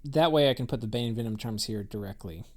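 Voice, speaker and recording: A man's voice: medium pitch, quick pace, a little mellow. A man giving casual, rambling commentary on a strategy game he is playing, thinking aloud with many fillers and restarts. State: has the hiccups.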